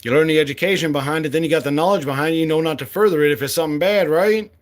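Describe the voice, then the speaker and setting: A man in his late forties, running as a candidate, speaks very fast in a fairly high voice. He delivers a fiery, blunt monologue with lots of swearing.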